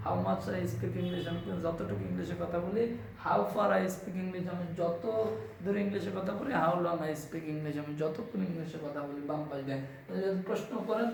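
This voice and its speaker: A high-voiced man with a Bangladeshi accent teaches English grammar, drilling each phrase slowly and then giving its meaning. His voice has a gravelly edge. He sounds distant from the mic in a very echoey room, with faint ambient noise behind him. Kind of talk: classroom-style grammar lesson.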